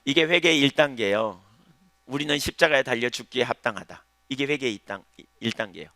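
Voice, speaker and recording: Gravelly, bright-voiced man preaching a sermon. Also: mid-range voice, fast, no room sound. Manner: swings from loud emphatic preaching to hushed pleading prayer. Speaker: pastor.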